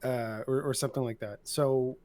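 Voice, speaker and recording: Male participant on a video call, casual and halting, average pitch. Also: fairly even intonation, a little mellow. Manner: hesitant, many restarts and "right?" tags. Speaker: discussion participant.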